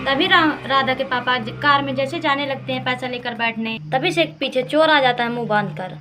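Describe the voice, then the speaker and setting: A woman's voice: high voice, normal speed, background noise. A woman narrating a simple village story with dolls, in plain storytelling.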